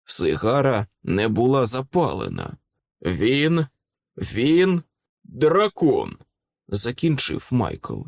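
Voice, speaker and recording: A man reading an audiobook aloud as its narrator, with an expressive, lively reading. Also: mid-range voice, no room sound, clean studio sound. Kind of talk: scripted narration.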